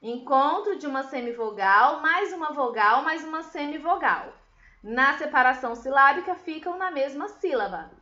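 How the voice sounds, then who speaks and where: Patient woman teacher, high and lively. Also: moderate pace, roomy sound, highs cut off. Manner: patient, explains step by step with questions. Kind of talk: recorded remote class lesson.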